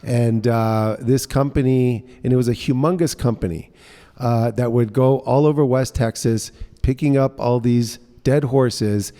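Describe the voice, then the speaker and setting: Man in his fifties, mellow voice, relaxed storyteller, long reverb in the room. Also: mid-range voice, unhurried. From United States (grew up in New Orleans). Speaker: guest, entrepreneur. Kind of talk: casual interview conversation. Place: co-working space.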